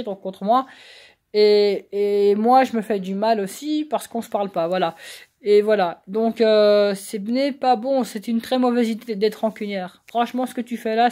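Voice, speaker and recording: A woman's voice: a little high, darkish tone. Rambling woman pleading at the camera. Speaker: vlogger. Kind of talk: personal video message to one person.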